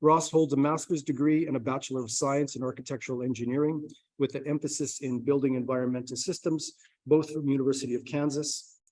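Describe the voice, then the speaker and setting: A man's voice: medium pitch, steady tone, brisk, a little mellow, low-quality recording. A man moderating a conference session and introducing the speaker, hesitant at first with many fillers, then reading steadily. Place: conference room.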